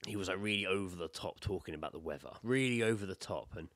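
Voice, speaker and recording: A deep-voiced British podcast co-host rattles through anecdotes at a quick pace, casual and sweary, acting out what people said with animated flair. The audio is studio quality, with no room sound.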